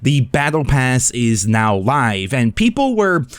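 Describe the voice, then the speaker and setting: A man's voice: mid-range voice, sing-song, slow, dry recording. A man giving casual game review commentary as a video host, blunt and sweary, with a sarcastic, scathing critical edge.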